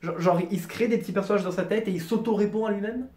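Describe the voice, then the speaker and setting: Fast, high-voiced joking French-language host. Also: male voice, darkish tone, faint music behind. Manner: joking, mocking, self-deprecating. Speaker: YouTube host. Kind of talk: comedic video commentary. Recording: roomy echo, no proper mic.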